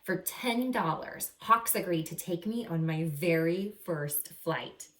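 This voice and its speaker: Female teacher, expressive story-time read-aloud, animated intonation, chatty asides to kids, echoey room. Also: on the low side, slow. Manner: animated, acts out characters, stretches key words. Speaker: second-grade teacher reading aloud. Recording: roomy echo, some distance from mic.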